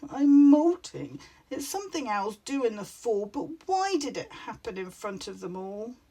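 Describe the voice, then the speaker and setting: A woman's voice: deep voice, sing-song, unhurried, darkish tone, husky, exaggerated voice. A woman voicing a tearful young male owl in a storybook, speaking in a wobbly, shaky voice. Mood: upset.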